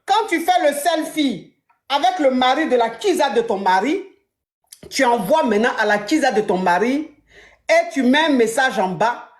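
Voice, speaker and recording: A woman hosting a chat as a relationship coach, retelling a story with lively acted-out dialogue. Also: moderate pace, echoey room. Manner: animated, acts out dialogue with big pitch jumps.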